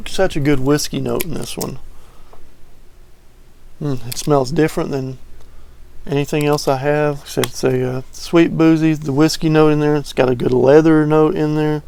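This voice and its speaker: A man talking casually to camera as a fragrance reviewer, relaxed and rambling with many fillers. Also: fairly high pitch, gravelly.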